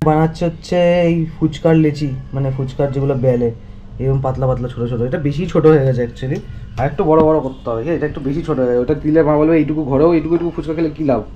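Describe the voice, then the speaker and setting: Fast-talking chatty male vlogger. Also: fairly high pitch, dark tone, lo-fi sound, a little hiss or hum. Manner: chatty, running commentary on his day. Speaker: vlog host. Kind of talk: casual vlog narration. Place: home and out on errands.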